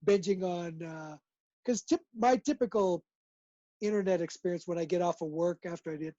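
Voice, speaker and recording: A man's voice: high-pitched, warm tone, no room sound, muffled recording. A man chatting casually as a guest, easygoing and rambling as he tells his stories. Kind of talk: casual video-call chat.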